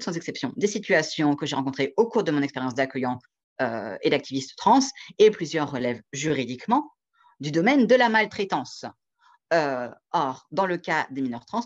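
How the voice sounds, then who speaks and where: A man's voice: a little high, animated. Hesitant man presenting over a video call. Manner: measured, hesitant delivery with frequent pauses. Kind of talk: online conference presentation. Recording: dull lo-fi video call audio.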